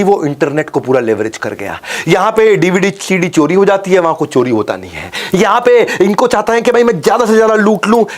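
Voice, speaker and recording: A man giving a motivational business lecture, urging listeners to listen, asking rhetorical questions and repeating punchy slogans. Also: a little high. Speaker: business speaker.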